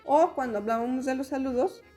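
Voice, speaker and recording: Female teacher, slightly high voice, patient, explanatory delivery, soft music bed underneath. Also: a little fast. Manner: patient explaining, many fillers. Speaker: French teacher. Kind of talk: spoken lesson.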